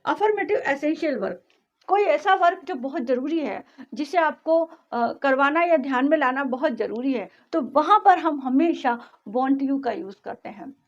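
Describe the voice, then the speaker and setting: High-voiced woman teaching grammar, lo-fi. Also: lively intonation. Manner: explains patiently, reads example sentences slowly and repeats them. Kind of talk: explanatory lesson.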